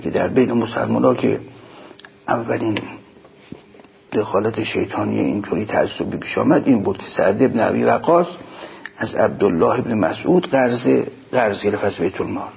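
A man giving a sermon, explaining in plain speech and slowing down to chant quoted lines. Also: fairly low pitch, creaky, a little hiss or hum. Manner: slow chanted quotations, emphatic explanations. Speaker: preacher. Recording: dull lo-fi recording.

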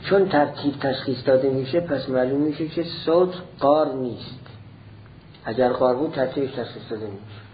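Male teacher, slow deliberate lecture, step-by-step explanation, dull lo-fi sound, faint room ambience. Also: mid-range voice, a little hiss or hum. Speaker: teacher of philosophy.

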